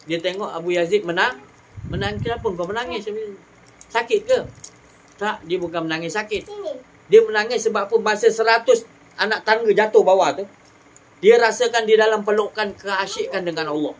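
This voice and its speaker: A religious teacher gives a sermon, animated and rising and falling in pitch for emphasis. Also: normal speed.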